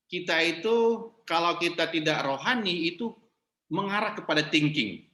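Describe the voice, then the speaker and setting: Bright-voiced man teaching a marriage class. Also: a little high. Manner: interactive, asks the class questions; mixes English terms into explanations. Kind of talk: church marriage class lesson. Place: church class room.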